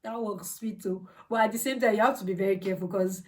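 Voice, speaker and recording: A woman's voice: medium pitch, fairly even intonation, quick pace. A woman from Nigeria with a Nigerian accent gives a casual explanatory vlog talk, conversational and emphatic, often repeating words for stress. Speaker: vlogger, healthcare assistant. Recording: voice distant from the mic.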